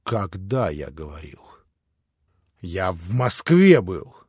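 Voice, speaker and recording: A man voicing an agitated, proud young man who shouts in bitter outbursts. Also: low voice, sing-song, slow, husky, no echo, clean studio sound, full character voice. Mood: furious. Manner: shouting, sharp, rising to cries.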